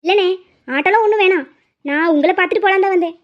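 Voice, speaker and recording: A woman voicing a high-voiced kind mother. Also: racing. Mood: earnest. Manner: earnest, reassuring. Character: well-off middle-aged mother, kind and persuasive. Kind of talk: cartoon voice acting. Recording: dull lo-fi audio.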